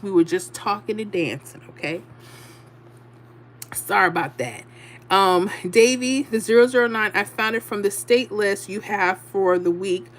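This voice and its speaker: A middle-aged woman from Louisiana hosting a livestream, chatting casually and laughing as she reads comments. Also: mid-range voice. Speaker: livestream host.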